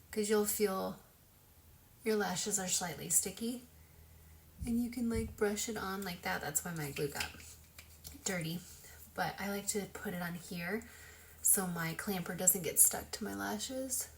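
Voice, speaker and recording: A woman's voice: mid-range voice, measured pace, creaky, pauses often. Young woman casually talking thru her makeup routine at home, chatty, laughs at herself, faint hiss behind. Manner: chatty, self-deprecating, talks while working. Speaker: makeup vlogger. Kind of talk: casual tutorial chat.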